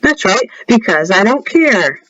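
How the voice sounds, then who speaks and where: Man, high voice, unhurried delivery, rambling game-mod walkthrough with offhand asides, dull lo-fi audio. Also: very animated, pushed and bright. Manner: rambling, offhand asides, talks to viewers directly. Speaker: game mod creator showcasing his mod. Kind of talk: casual gameplay commentary. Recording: dull lo-fi recording.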